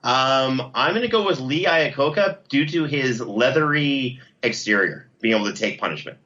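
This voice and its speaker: This man is a podcast producer appearing as an interview guest, and he keeps things casual, playful and full of jokes while working through his thoughts. He speaks at normal speed in a medium pitch, his intonation lively and his delivery pushed and bright, though the recording sounds dull.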